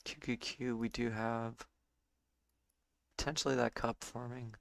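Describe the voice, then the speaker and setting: A man with a hoarse, failing voice giving halting live trading commentary as host of a stream. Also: mid-range voice, flat delivery, a bit bright, no echo. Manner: halting, with fillers and throat clearing. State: hoarse, losing his voice. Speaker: day trading livestream host.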